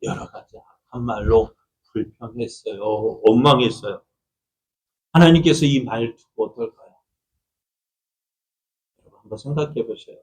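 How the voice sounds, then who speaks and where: A man's voice: medium pitch, moderate pace, long pauses, darkish tone, low-quality recording. A middle-aged man preaching a Sunday sermon. He talks conversationally, keeps asking the congregation questions, and acts out quoted speech in a raised voice. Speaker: pastor.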